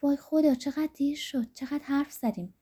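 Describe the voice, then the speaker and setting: A woman's voice: high-pitched, mellow, voice pushed up, lightly acted. A woman voicing a coy, teasing young woman. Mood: flustered.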